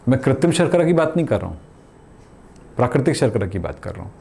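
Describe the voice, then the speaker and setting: In a fast, sing-song, mid-range voice that is dark and marked by vocal fry, a middle-aged chemistry teacher chats his way through a lesson. He answers his own questions, leans on familiar examples, jokes, and informally calls his students "beta."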